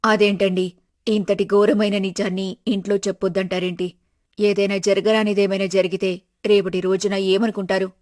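A woman voices a worried, practical older wife and mother in an animated family story, speaking plainly and sounding resigned. Her mid-range voice moves at a moderate pace, lightly acted, with an anxious, resigned mood.

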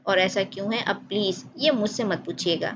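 A woman's voice: medium pitch, background noise, close to an everyday voice. A woman narrator voicing an angry grown man who speaks bluntly and harshly. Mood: stern.

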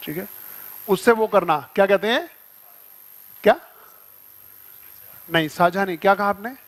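Man, Indian accent, high-pitched voice, classroom teacher, playful examples, mixes Hindi and English. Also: unhurried. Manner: explains with playful examples and acted-out scenes, mixing Hindi and English. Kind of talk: classroom vocabulary lesson.

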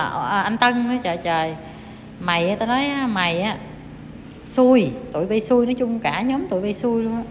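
A woman delivers a heated, scolding monologue and taunts her target over and over. Her voice sits a little high, and it rings with a long reverb over faint background noise. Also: dull audio. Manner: scolding, taunting, repetitive and emphatic. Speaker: YouTuber ranting to viewers.

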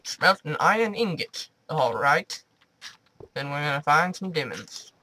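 A man's voice: fairly high pitch, sing-song, measured pace, sharp tone, a little hiss or hum. A man doing let's play commentary, jumpy and chatty, talking to the creatures in his game. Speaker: gaming video host.

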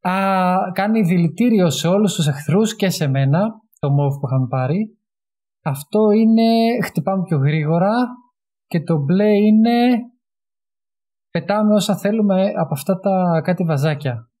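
A man giving casual gameplay commentary, excitable, yelping and swearing in English when surprised, talking into a gaming headset. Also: sits high. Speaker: gaming streamer.

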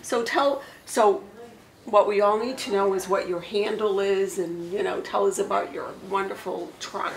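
An older woman hosts an author interview from an armchair in a bookstore. Her voice is middle-pitched for a woman, and she speaks in an effusive, eager way. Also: steady tone, normal speed, gravelly, poor audio. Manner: effusive, gushing. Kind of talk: enthusiastic interview hosting.

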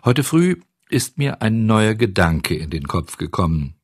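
Man voicing old storybook woodcarver, hot-tempered, eager, husky, lively. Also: fairly low pitch, a little slow, dry recording, clean studio sound, full character voice.

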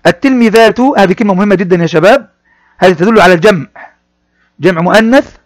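A male primary school teacher, explaining each word of a reading lesson slowly and repeating phrases for young pupils. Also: high voice, dry recording.

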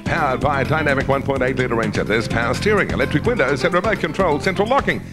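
Booming prize announcer: Australian male, high voice with big swoops, over loud music. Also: lively intonation, fast. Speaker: game show prize announcer. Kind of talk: scripted prize narration. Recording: loud music under voice, 1990s TV broadcast.

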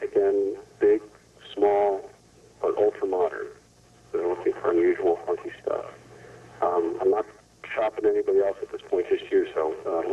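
A man's voice: on the low side, breathy edge, distant mic. A man leaving a casual, businesslike answering machine message, giving instructions and repeating details over a tinny telephone line. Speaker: caller leaving a phone message. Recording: muffled, tinny 1990s answering machine tape.

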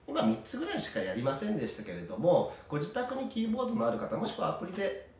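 A man's voice: high-pitched, wildly swooping pitch, racing, creaky, a little mellow, reverberant, far from the mic. A man from Kanagawa, Japan, working as a vocal coach who explains singing exercises in a friendly way and demonstrates them. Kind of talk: instructional voice lesson.

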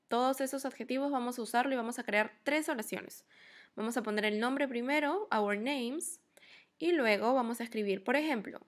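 A young woman from Peru teaching English to children in a lively online lesson, asking questions and slowing down to model each English phrase. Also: fairly high pitch. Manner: lively, questioning, slows to spell out English words.

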